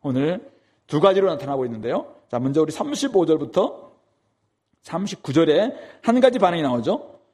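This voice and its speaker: A man's voice: on the high side, very animated, moderate pace, a little mellow, breathy edge. A man preaching a sermon as a pastor, speaking emphatically and asking rhetorical questions.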